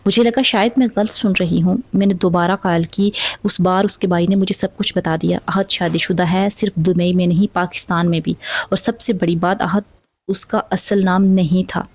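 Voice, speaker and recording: Low-voiced woman narrating a sad story. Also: steady tone, dry recording. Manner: dramatic, sorrowful storytelling. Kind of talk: emotional first-person story narration.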